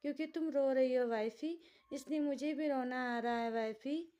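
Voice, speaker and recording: A woman voicing a childlike, innocent young husband who pleads and frets in a high, whiny way. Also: normal speed, warm tone, natural voice. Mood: tearful.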